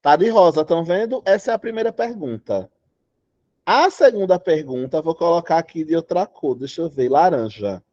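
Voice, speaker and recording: A man's voice: fairly high pitch, lively intonation, moderate pace, a little mellow, no room sound. A Brazilian man teaching Portuguese in an online exam-prep class, emphatic and often checking that students follow. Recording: dull, lo-fi online class audio.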